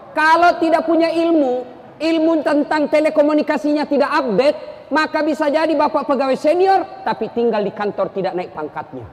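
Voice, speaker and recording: A man preaching a humorous sermon, telling stories and acting out the people in them. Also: extremely high pitch. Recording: long hall reverb.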